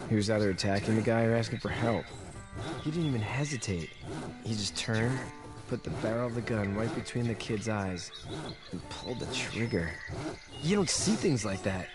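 An actor playing a shaken young survivor working on a farm fence, who talks in an earnest, troubled, confiding way. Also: male voice, on the low side, animated, moderate pace, loud music behind the voice, lightly acted.

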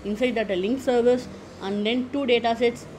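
A woman narrating a screen-recorded software tutorial, methodical and step-by-step, with frequent "okay" and "uh" fillers. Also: a little high, fairly even intonation, normal speed. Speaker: tech tutorial presenter. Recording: noticeable background noise.

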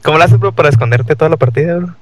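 A man's voice: on the high side, very fast. A man with a Mexican accent bantering over voice chat during a game. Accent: Mexican Spanish. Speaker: gamer. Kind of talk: casual gaming chat.

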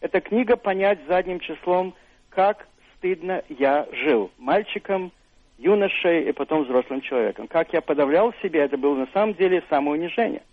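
Interviewed on the radio, a Russian-born older author and university professor weighs his answers hesitantly, often using fillers and restarting. He speaks at normal speed in an expressive, somewhat high voice, with no echo, over a dry, narrow phone-like sound.

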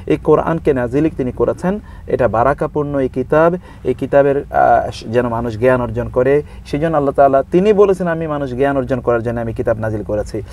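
Fast-talking man explaining scripture. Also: medium pitch. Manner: recites Arabic verses and mixes in English words; lists points in steady explanatory phrases. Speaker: Islamic scholar guest. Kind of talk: explanatory religious talk in an interview.

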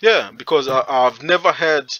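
Young guy from zimbabwe on a headset, bright highish voice, stammers and swears a lot while teasing. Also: normal speed, dull audio. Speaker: video chat host. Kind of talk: casual chat with a stranger. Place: small room indoors.

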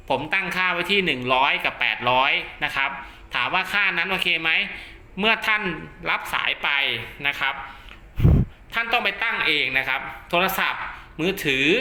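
Hosting a radio gear channel, a man with a fairly high, sharp voice casually walks through a hands-on product test. He explains each step in a reassuring, instructional way, and the recording has a roomy echo.

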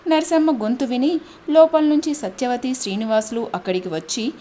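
A woman narrating an audiobook-style story with a steady, expressive reading. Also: fairly high pitch, normal speed.

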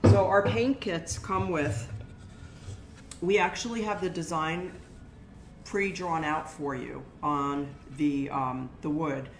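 This shop owner, an older woman, gives a casual hands-on craft demonstration in a low voice, with fairly even intonation and a slow pace. She keeps it chatty and practical, explaining steps plainly to viewers she calls "guys." The setting is an indoor shop workspace with a brick wall, recorded roomy with faint music.

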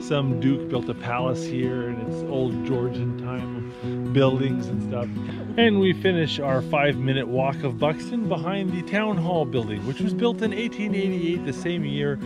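A man's voice: mid-range voice, normal speed, over loud music. A man, hosting a family travel vlog, chatty and upbeat, filmed on an action camera outdoors. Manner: upbeat, chatty, laughs often. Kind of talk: casual vlog narration. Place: outdoors in towns and countryside. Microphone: action camera at arm's length.

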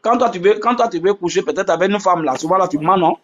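A man's voice: high voice, quick pace, a bit bright, lo-fi sound. A man hosts a live religious debate, asking rhetorical questions and repeating "hein". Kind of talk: live stream preaching to followers.

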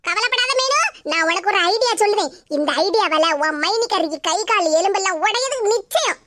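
A woman's voice: lively intonation, a little fast, a bit bright, dry recording. A woman voicing a scheming, sweet-talking neighbor woman in a cartoon, with a Tirunelveli Tamil accent. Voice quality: high and squeaky. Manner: coaxing, sugary, then plotting. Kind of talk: cartoon voice acting.

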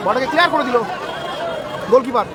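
A man giving frantic live football commentary outdoors, excitable and repeating names and exclamations. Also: very high voice, fast. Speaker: live football match commentator and stream host. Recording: noisy outdoor ground with loud crowd. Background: loud crowd and outdoor noise.

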